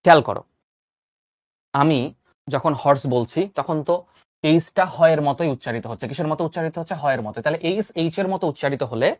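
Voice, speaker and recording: A man's voice: fairly high pitch, fast, dry recording. A young man teaches an online grammar lesson, asking questions and answering them himself. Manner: lively, coaxing, asks and answers own questions. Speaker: admission exam tutor.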